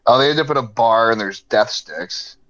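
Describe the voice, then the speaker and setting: A man's voice: medium pitch, expressive, normal speed, fairly bright tone, muffled recording. A man in casual podcast chat, rambling along, swearing freely and laughing often. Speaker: podcast co-host.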